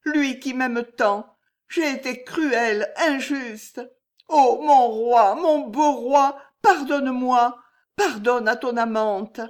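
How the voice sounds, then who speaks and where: A woman's voice: on the high side, very animated, unhurried, pitched above the performer's own voice. A woman voicing an anxious young noblewoman, emphatic and heightened in her speech. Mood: longing.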